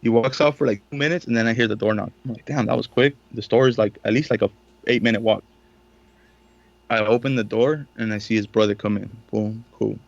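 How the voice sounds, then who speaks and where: A man's voice: on the low side, steady tone, a little fast, gravelly, no room sound, highs cut off. A young man, a podcast co-host, telling a story in casual, profane slang and acting out the quotes. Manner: slangy, swears a lot, acts out quotes.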